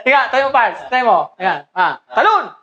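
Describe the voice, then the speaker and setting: A woman's voice: on the high side, sing-song, normal speed, sharp tone, lo-fi sound. A woman playing a teasing karate teacher in a comedy skit, calling out short commands and laughing often.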